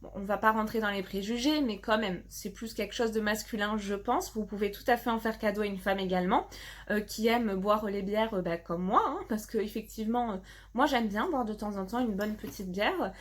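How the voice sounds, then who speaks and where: A woman's voice: medium pitch, a little fast. A woman reviewing a beer box on her channel, chatting casually with many fillers while reading out the labels. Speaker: box unboxing vlogger.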